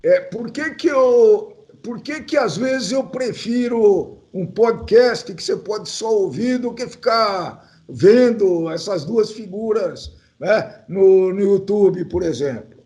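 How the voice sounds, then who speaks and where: An older man with a Brazilian accent and a fairly high voice for a man. He talks as a podcast guest in a loose, rambling way, drifting into memories. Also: animated, takes it slowly, hardly any pauses, mellow. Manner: chatty, rambling, reminiscing. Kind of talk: casual podcast chat.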